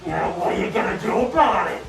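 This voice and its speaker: A man playing a boastful, petty villain overlord who shouts taunts and insults in a comedy sketch. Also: sits high, big pitch swings, quick pace, creaky, heavily acted. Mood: furious. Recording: echoey room from a distance over music.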